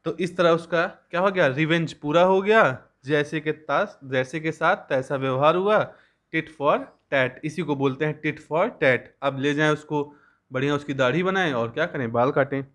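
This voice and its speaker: A young man gives a school lesson. His voice sits a little high. He reads each English line slowly, then explains it at length. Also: a bit bright. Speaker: teacher.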